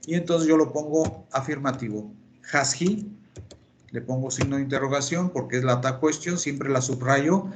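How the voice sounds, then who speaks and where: A male teacher of English lectures online in Spanish through a computer microphone on a video call, walking through the material step by step and repeating important terms. He speaks at medium pitch and a moderate pace against a noisy background.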